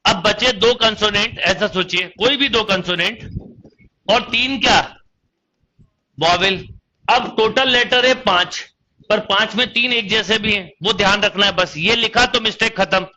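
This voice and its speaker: Bright-voiced Hindi-accented male math teacher. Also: sits high, a little slow, lo-fi sound. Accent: Indian Hindi. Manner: addresses students as beta, counts aloud step by step. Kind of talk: online coaching lecture.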